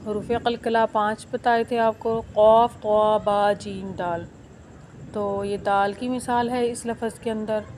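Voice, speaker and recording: A woman teaching Quran recitation step by step. She spells each word out slowly, one syllable at a time, and then explains it quickly. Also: mid-range voice, steady tone, a little mellow, slight background noise.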